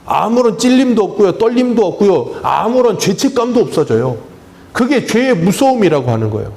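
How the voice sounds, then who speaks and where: A male pastor preaches in a church with a voice pitched a little high for a man, swinging up and down as he talks. He keeps putting questions to the congregation and answering them himself, in a chatty, humorous way. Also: big pitch swings, brisk, creaky, a little mellow. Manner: conversational, plain-spoken preaching with touches of humor. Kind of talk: sermon. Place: church sanctuary.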